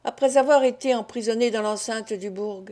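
A woman reading a classic novel aloud as an audiobook, in a measured, expressive way. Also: a little high. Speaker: audiobook narrator. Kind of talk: scripted narration of a classic novel.

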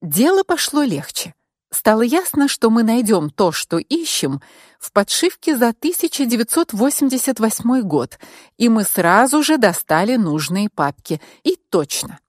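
A woman reading a first-person audiobook in a calm, measured way. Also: a little high, dry recording, clean studio sound. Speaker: audiobook narrator.

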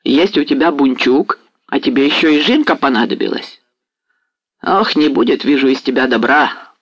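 A man's voice: a little high, expressive, moderate pace, no echo, dull audio. A man doing a sly cossack officer. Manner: teasing, knowing.

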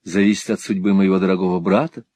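Man voicing proud young woman, earnest, softly firm, dry sound. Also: low voice, little pitch movement, quick pace, no room sound.

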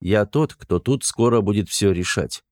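A man's voice: on the low side, moderate pace, darkish tone, no room sound, natural voice. A man voicing a sardonic, stern young male hero who gives dry commands.

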